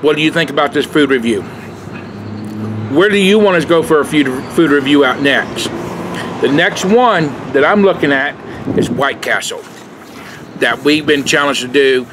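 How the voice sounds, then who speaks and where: Higher-voiced middle-aged man vlogging outdoors. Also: normal speed, pauses often. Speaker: food review vlogger. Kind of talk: casual vlog chat. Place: outdoor fast-food patio. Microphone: camera at arm's length. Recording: noisy outdoor traffic background.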